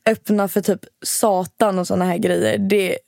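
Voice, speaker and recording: A woman's voice: mid-range voice, creaky, no echo, studio quality. A woman co-hosting a podcast, telling stories in a casual chat and acting out what people said. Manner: animated storyteller, acts out quotes. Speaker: podcast co-host.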